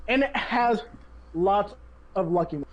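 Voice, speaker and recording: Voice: medium pitch, animated, a little slow, lo-fi sound. A host giving casual commentary over their own speedrun, chatty, often laughing and sharing tips.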